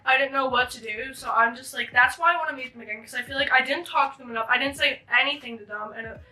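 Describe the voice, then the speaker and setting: A woman's voice: sits high, quick pace, pushed and bright. A woman hosting her channel, telling a story in a casual, rambling way with many fillers and restarts. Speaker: channel host. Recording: distant mic with faint music.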